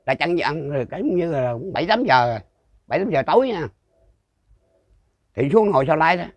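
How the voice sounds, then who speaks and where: This older storyteller, interviewed with a Southern Vietnamese accent, winds through a rural ghost tale in a casual folk style, looping back, repeating and restarting often. He speaks expressively and briskly in a slightly high voice. Close miking keeps the sound dry, free of room echo.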